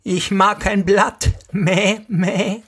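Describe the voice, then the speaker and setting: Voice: medium pitch, steady tone, very slow, a bit bright, husky, voice pushed up, exaggerated voice. A storyteller voicing a spiteful, lying female goat who answers in sing-song rhymes and bleats. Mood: bleating.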